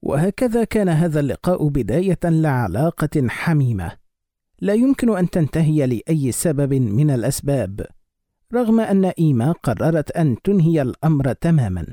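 A man reading a romance novel aloud as narrator in measured, expressive audiobook style. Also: fairly high pitch, no echo, studio quality.

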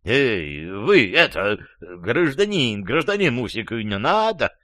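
A man's voice: fairly low pitch, expressive, moderate pace, fairly bright tone, no room sound. Meek, bewildered everyman read by a man: hesitant, mild, plain dry voice. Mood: pleading. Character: bewildered, meek confused middle-aged man.

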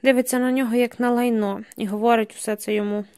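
A woman reading literary prose aloud, steady and measured with tense dramatic emphasis. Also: fairly high pitch, clean tone. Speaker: audiobook narrator. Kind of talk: scripted literary narration.

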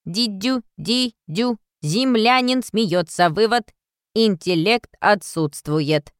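A woman voicing a small rusty toy space robot in a storybook, speaking in slow, clipped, mechanical words. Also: medium pitch, no room sound, studio quality, pitched above the performer's own voice, close to an everyday voice. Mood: robotic. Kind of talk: storybook reading.

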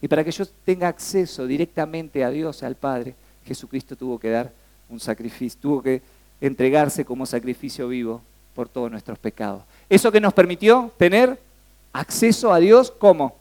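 In a medium-pitched voice at normal speed, a young man with a Rioplatense Spanish accent delivers a lively, conversational sermon. Questions to the congregation come frequently.

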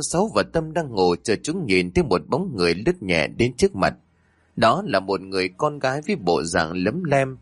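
A man's voice: medium pitch, no echo. Guy reading a spooky story, voice rises and falls a lot, dry close sound. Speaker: narrator. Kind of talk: storytelling narration of a ghost story.

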